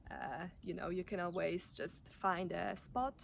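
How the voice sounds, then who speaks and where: A woman giving informal running advice in a halting, hesitant way, often restarting her sentences. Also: fairly low pitch, fairly even intonation, creaky, a little hiss or hum. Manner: hesitant, halting delivery with repeated self-corrections. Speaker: running coach or athlete giving tips. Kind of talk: informal advice talk to camera.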